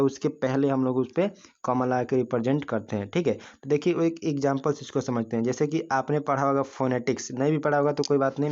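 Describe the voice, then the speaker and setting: A male teacher of mid pitch, walking his students through a lesson one step at a time and stopping often to ask them questions. He stretches out single syllables so they can say them back. The recording sounds dull and lo-fi. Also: darkish tone. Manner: explains step by step with frequent rhetorical questions; slowly drawls out sounds and syllables for the class to repeat. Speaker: English teacher. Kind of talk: classroom-style video lesson.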